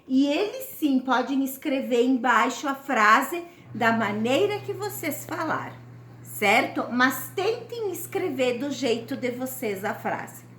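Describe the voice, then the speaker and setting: A woman teacher talks young pupils through their worksheet step by step. Her voice is high and her delivery slow and deliberate. The recording sounds roomy with faint background noise. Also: big pitch swings, fairly bright tone. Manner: slow, patient, explains step by step. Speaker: primary school teacher. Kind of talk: recorded remote lesson for young children. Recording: echoey room, faint ambient noise.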